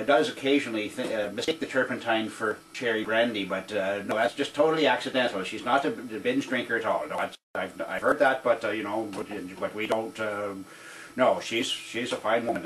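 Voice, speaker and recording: A man playing an awkward, rambling veteran newspaper cartoonist, halting and correcting himself in a mock newsreel interview. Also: fairly low pitch, fairly bright tone, close to an everyday voice. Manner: halting, doddering, self-correcting. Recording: distant, faintly noisy interview recording.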